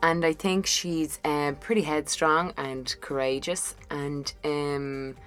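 A woman's voice: deep voice, flat delivery, takes it slowly. A woman guesting on a casual studio interview, easygoing and giggly. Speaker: actor guest. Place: recording studio.

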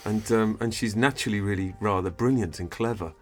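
A man guesting on a casual studio interview, chatty and wry, halting with fillers. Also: fairly low pitch, faint music behind. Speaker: actor guest. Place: recording studio.

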